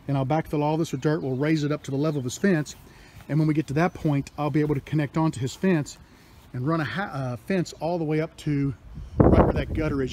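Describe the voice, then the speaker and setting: The voice is a man's, on the high side and a little mellow, with a faint hiss or hum. He is a workshop vlogger in his forties, filming a casual, rambling DIY vlog on a phone at arm's length in his backyard and garage, his chatter dotted with fillers and restarts.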